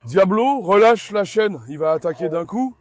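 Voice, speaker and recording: High-voiced man calming his dogs. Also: normal speed, no room sound. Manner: repeatedly calming the dogs with soothing commands; talks directly to viewers as friends. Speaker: dog owner and channel host. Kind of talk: running commentary to viewers while handling dogs.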